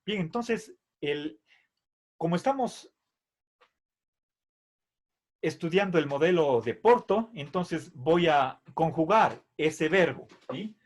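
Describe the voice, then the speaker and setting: A man's voice: fairly high pitch, expressive. A middle-aged man teaching a Latin grammar lesson, patiently explaining and repeating verb forms, checking in with "¿sí?" after each point. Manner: drills verb forms slowly, syllable by syllable. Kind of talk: slow classroom explanation.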